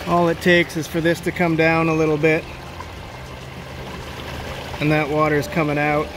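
Speaking in a monotone at a moderate pace, this slightly high-voiced man is a water feature installer inspecting a backyard stream. He films on a handheld phone outdoors amid background noise, thinking aloud through a straightforward, practical walkthrough.

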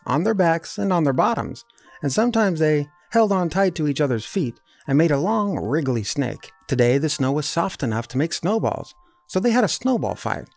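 A man reading a children's storybook aloud in a lively, expressive way. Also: a little high.

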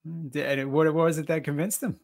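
A man's voice: on the high side, fairly even intonation, quick pace, vocal fry, darkish tone, no room sound, clean studio sound. A man from the Bronx with a slight New York accent, hosting and asking friendly questions. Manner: friendly, laughs often, asks questions. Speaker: podcast host. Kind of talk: casual interview chat.

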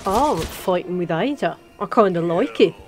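A woman giving jokey, excitable let's play commentary, talking back to the game characters. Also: fairly low pitch, moderate pace, soft background music. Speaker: gaming channel host.

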